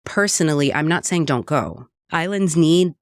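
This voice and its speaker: A low, expressive female voice at a moderate pace belongs to a Puerto Rican cookbook author and radio producer. Speaking earnestly and reflectively in a conversational interview, she often says "right?"; the studio-quality audio has no room sound.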